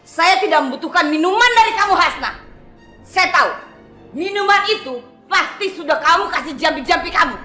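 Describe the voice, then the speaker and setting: A scornful, scheming mother in a dubbed soap drama, sharp and insistent. Her voice sits very high and bright, ringing in an echoey room while faint music plays underneath. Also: animated, fairly quick, exaggerated voice. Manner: accusing, mocking, insistent. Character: scornful scheming Indian mother, middle-aged woman.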